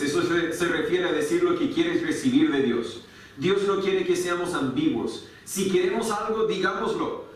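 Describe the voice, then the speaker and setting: A man's voice: sits high, a bit bright, a little hiss or hum. A male pastor preaching a sermon in a church, earnest and full of rhetorical questions. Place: church sanctuary. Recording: echoey church hall, mic at a distance.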